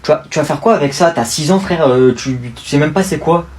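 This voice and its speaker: A sly young man in a comedy sketch whose mocking delivery sits fairly high. He sounds scheming and teasing as he talks. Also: brisk.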